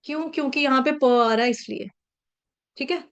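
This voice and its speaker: High-voiced woman teaching verse pronunciation. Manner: patient, repeats syllables slowly to drill pronunciation. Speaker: Sanskrit verse recitation teacher. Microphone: video call.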